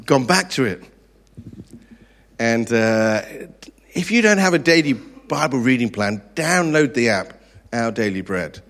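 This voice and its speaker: A man in his thirties delivers a sermon in a mid-pitched voice. He speaks earnestly and slows down to stress the important words. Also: animated, fairly bright tone. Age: 30s. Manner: earnest, drawn-out emphasis on key words. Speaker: pastor.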